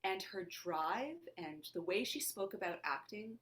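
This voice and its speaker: Her voice is mid-range, animated, a bit bright and a little slow. An actor and playwright born in Lebanon whose native tongue is Armenian, she reflects and searches aloud during a conversational interview, asking herself questions as she goes.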